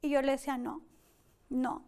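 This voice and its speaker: High-voiced woman recounting a painful ordeal. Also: little pitch movement, moderate pace, mellow. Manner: tense, recounting events with many quoted exchanges. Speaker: interview guest. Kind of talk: emotional personal testimony.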